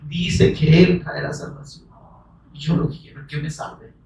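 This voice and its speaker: A man preaching a sermon, fervent and rising to shouts, calling listeners brother. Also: on the high side, fairly even intonation, normal speed, creaky, slight background noise. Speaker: pastor. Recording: echoey room, voice from far off the mic.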